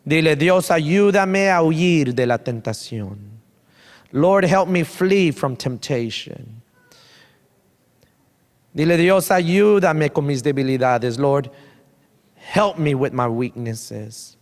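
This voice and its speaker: A male pastor leads his congregation in prayer at the altar. His voice sits a little high for a man, and he draws each pleading phrase out slowly and repeats it. His words ring through a large sanctuary with a long, lingering reverb. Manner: fervent, repetitive prayer leading, drawn-out pleading phrases; switches languages mid-prayer. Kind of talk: leading altar prayer in a church service. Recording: long church-hall reverb.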